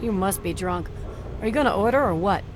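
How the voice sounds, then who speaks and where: A woman's voice: mid-range voice, expressive, a little fast, background noise, lightly acted. An actress playing a surly, foul-mouthed woman who runs a bar in a video game, brusque and scornful.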